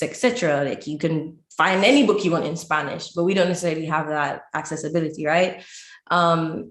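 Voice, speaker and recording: A woman from Lucia, answering conversationally as an interview guest who teaches language. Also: low voice. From Saint Lucia. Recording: roomy, echoey sound.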